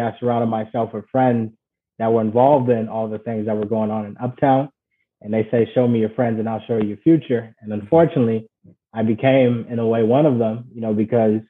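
Ghanaian-born man on a tinny line. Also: mid-range voice. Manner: earnest, reflective. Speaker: interview guest. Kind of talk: telling his life story.

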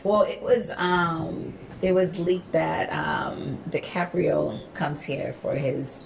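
Low gravelly woman chatting. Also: takes it slowly, slight background noise. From United States. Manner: animated storyteller, acts out quotes. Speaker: podcast guest, event organizer. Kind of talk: casual interview chat.

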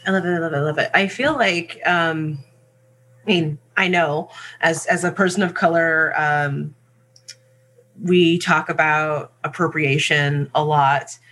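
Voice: mid-range voice, fairly even intonation, a little slow, pushed and bright. An interview host in casual conversation, responding with enthusiasm and affirmation.

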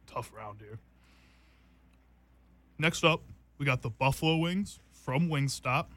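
A young man hosts a casual food taste test in a rambling, easygoing way. He laughs often and fills his talk with "like" and "um" as he goes, his voice sitting at an ordinary middle pitch. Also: a bit bright. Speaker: host.

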